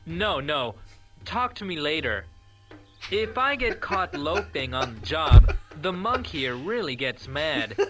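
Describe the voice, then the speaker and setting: A nervous worker in a video game, played by a man, with a fairly high voice and lively, swinging pitch. The acting is stilted and bad, with faint music underneath. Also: slow, full character voice. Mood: nervous, hurried. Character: nervous male worker dodging his strict boss. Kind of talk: amateurish video game dub. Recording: music behind game dialogue.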